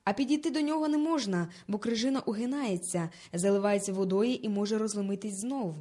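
A woman narrating a children's story in a lively, dramatic reading style. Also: medium pitch, a little fast.

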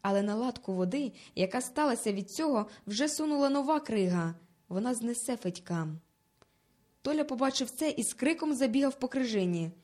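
A woman narrating a children's story in a lively, dramatic reading style. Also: a little high, fairly quick.

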